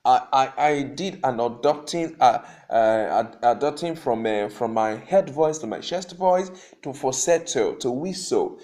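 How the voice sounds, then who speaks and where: A man's voice: medium pitch, animated, unhurried, hardly any pauses, a little mellow. Seated man teaching a singing lesson. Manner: instructive, repeats points, asks "okay?"; seated while talking. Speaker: vocal coach.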